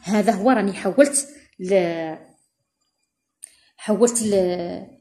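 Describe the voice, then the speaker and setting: A woman with an Algerian Arabic accent gives a recorded revision lesson for primary pupils. She explains in dialect, slowly dictates French sentences and spells word endings letter by letter. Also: mid-range voice, warm tone. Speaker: primary school teacher.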